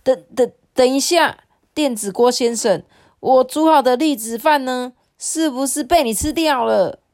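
Woman voicing a scolding, exasperated storybook mom, pitched up. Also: unhurried, darkish tone. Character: flustered, scolding mother.

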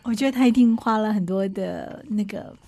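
Breathy woman host. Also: mid-range voice, brisk, dark tone. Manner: encouraging, with short affirming replies. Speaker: podcast host. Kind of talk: interview hosting.

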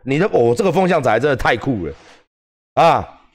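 A man's voice: medium pitch, very animated, normal speed. Profane, combative Taiwanese man ranting. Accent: Taiwanese Mandarin. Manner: combative, profane, shouting at critics. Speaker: livestream host. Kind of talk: heated livestream rant.

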